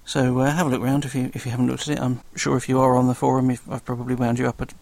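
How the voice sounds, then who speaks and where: Fast-talking South London man, slightly gravelly. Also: medium pitch, flat delivery, a little mellow, dry recording. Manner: self-deprecating, dry humour. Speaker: guest podcast host. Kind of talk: casual solo podcast talk.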